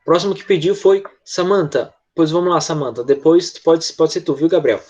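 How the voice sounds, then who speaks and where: This Brazilian-accented man runs an online English lesson, guiding students through repetition with patience and frequent quick tag questions. He speaks at a fairly high pitch with a darkish tone, and the audio is dull.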